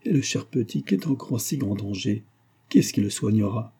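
A man's voice: fairly low pitch, expressive, fairly quick, creaky, dark tone, husky, exaggerated voice. A man voicing an old, grieving female servant who pleads in a muffled voice in a storybook reading. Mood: pleading.

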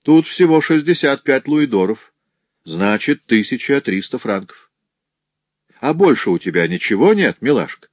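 A man voicing a coarse, rude male bailiff in a storybook reading, loud and mocking. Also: mid-range voice, sing-song, normal speed, dry recording, dull audio, voice pushed up.

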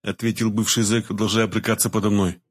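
A man narrating a first-person story as an audiobook reading, steady and dramatic. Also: on the low side, quick pace.

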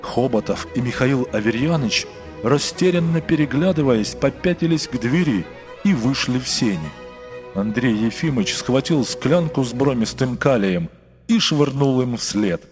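A man reading scripted narration in an expressive, dramatic style. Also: mid-range voice, unhurried. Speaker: audiobook narrator. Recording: long reverb, faint music.

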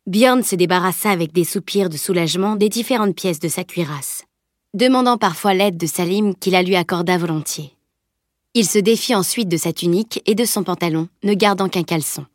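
A woman narrating a novel as an audiobook, reading in a steady, even way. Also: fairly low pitch, a little fast, no room sound, studio quality.

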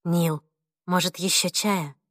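A woman reading an audiobook, voicing a mild, conciliatory mother who speaks softly and placatingly. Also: fairly low pitch, fairly even intonation, slow, dry recording, clean studio sound. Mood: gentle. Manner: soft, placating, pleading.

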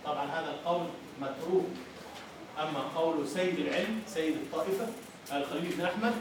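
Egyptian lecturer quizzing a class in an echoey hall. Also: male voice, a little high, fast, distant mic, background noise. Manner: quizzing students, repeating their answers. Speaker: university lecturer. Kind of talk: classroom lecture on Arabic prosody.

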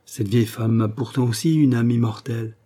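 A man's voice: mid-range voice, fairly even intonation, a little fast, warm tone, natural voice. A man voicing a shy, naive young clerk who dreams of solitude. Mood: earnest. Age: young adult.

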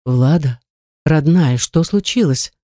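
A reader voicing a tender young husband, speaking softly and soothingly in a deeper voice for an audiobook. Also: male voice, expressive, slow pace, no room sound, clean studio sound. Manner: soft and soothing.

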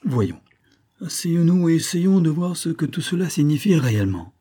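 A man voicing a smooth, scheming army major with a soft, conciliating manner. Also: medium pitch, moderate pace, pitched above the performer's own voice, lightly acted. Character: smooth scheming middle-aged male major.

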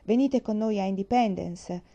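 Brief: a firm, earnest frontier father in a muffled audiobook, read by a woman with a mellow voice. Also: sits high, moderate pace, vocal fry. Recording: muffled lo-fi recording.

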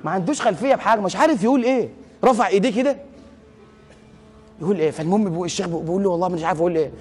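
A man's voice: high voice, very fast, breathy edge, long reverb tail, faint music behind. A man preaching in an Egyptian Arabic accent, telling stories animatedly and acting out the dialogue. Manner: animated storyteller, acts out dialogue, swears oaths for emphasis. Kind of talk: storytelling sermon.

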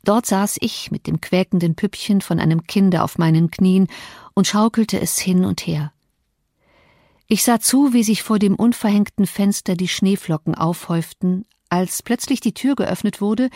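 Casting: woman narrator, calm measured audiobook reading, mid pitch, dry close sound. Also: no room sound. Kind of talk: scripted narration.

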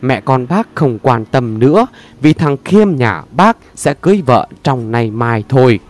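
A man's voice: medium pitch, sing-song, unhurried. A man voicing a cold, dismissive middle-aged mother who speaks curtly in an audio story. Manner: curt, coolly mocking.

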